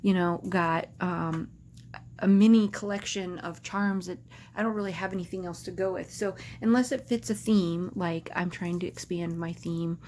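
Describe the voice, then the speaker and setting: A woman's voice: on the low side, fairly even intonation, moderate pace, a little mellow, a little hiss or hum. A woman vlogging casually to camera, rambling and hesitant, with lots of filler words and restarts.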